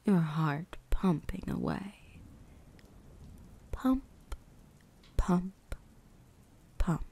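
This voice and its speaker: Heavily acted and on the low side, a voice actress portrays an ancient vampire huntress whispering to her prey for an ASMR roleplay, her intonation lively. The soft, dark delivery is breathy and creaky at the edges, unhurried and teasing, seductive and possessive, with a quiet, predatory menace that taunts.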